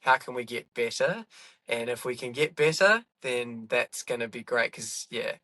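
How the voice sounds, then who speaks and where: A man's voice: mid-range voice, normal speed, sharp tone, no room sound. A middle-aged man, a comedian chatting in a podcast interview, rambling and correcting himself as he goes. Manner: rambling, self-correcting, laughs often. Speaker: guest comedian.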